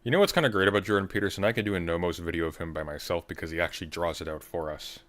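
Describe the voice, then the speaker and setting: Host, man, low voice, dry and wry, reacting on stream. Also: rapid-fire, a bit bright. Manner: dry, muttering asides. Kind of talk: casual reaction commentary.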